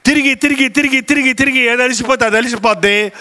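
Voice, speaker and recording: A male pastor giving a lively sermon with a Telugu accent, acting out family quarrels as he goes. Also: very high voice, quick pace. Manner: animated storytelling, acts out family quarrels.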